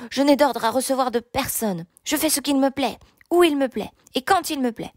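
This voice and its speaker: Woman doing a cocky huge knight-king, slow and taunting, higher-pitched, dry sound. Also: dry recording, lightly acted. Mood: arrogant. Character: arrogant, mocking giant knight-king, man. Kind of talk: audiobook reading.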